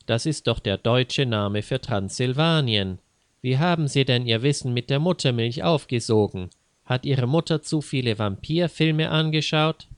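A man's voice: medium pitch, normal speed, smooth, no room sound, studio quality, close to an everyday voice. A man voicing a blunt, skeptical man who mocks and scoffs. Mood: mocking. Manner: mocking, scornful.

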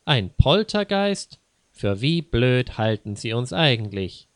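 A man's voice: medium pitch, animated, measured pace, no room sound, natural voice. A man voicing a blunt, skeptical man who mocks and scoffs. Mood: scornful. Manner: mocking, scornful.

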